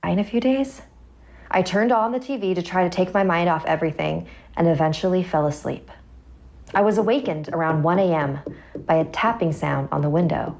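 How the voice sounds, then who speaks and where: A woman's voice: fairly low pitch, fairly quick, gravelly, darkish tone. A woman narrating a scripted first-person horror story, with music behind her voice.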